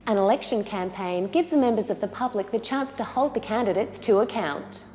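A woman giving scripted documentary narration in a measured, explanatory way. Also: medium pitch, lively intonation, dark tone, faint music behind.

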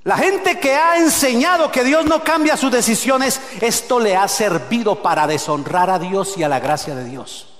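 A pastor delivers an animated sermon at normal speed in a church sanctuary, his voice high for a man and echoing with long reverb through the roomy hall. He leaps from shouted peaks to low, hushed asides and repeatedly has the congregation repeat after him.

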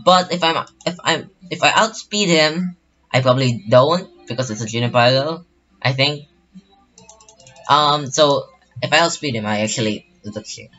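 A man's voice: mid-range voice, normal speed, bright, forceful tone, muffled recording, faint music behind. A young man commentating his own online game battle in a casual, rambling way, full of fillers and restarts. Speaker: gaming channel host.

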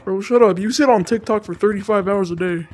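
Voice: mid-range voice, a little fast. A player trash-talking others in a game's voice chat, speaking through a voice changer with a mocking, taunting manner. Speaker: game troller.

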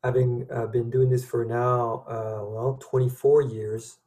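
Man, college business lecturer, conversational and rambling, lots of fillers, mellow tone, echoey room. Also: mid-range voice, flat delivery, measured pace. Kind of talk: recorded lecture.

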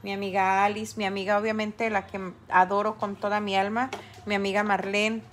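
A woman's voice: medium pitch, level tone, brisk, slight background noise. A middle-aged woman, chatting casually with viewers on a livestream while she paints. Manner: chatty, talks straight to viewers. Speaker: artist livestreaming her painting.

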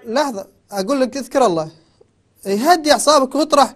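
A man hosting a call-in show, insistently trying to calm down a shouting caller. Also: very high voice, fast talker. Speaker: host.

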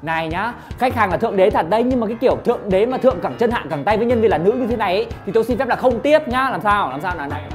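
A woman playing a brash, outspoken young woman who scolds loudly. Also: medium pitch, expressive, rapid-fire, few pauses, over music, natural voice. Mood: scolding.

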